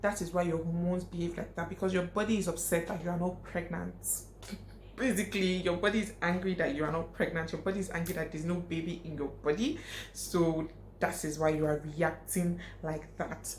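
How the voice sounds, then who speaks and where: Young woman vlogging, kinda low voice, blunt and repeats stuff, echoey room. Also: fairly even intonation, a little fast. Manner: frank, emphatic, repeats points for stress. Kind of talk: casual advice talk to camera. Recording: echoey room, faint hiss.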